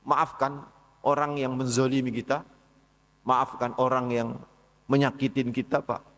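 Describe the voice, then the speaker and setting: A man's voice: mid-range voice, flat delivery, a little slow, fairly bright tone. A man giving a casual, conversational talk at a dawn study session in a mosque, often calling on his listeners directly. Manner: conversational, addresses listeners as "Pak" and "saudara" often. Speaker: preacher. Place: large mosque hall. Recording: long hall reverb.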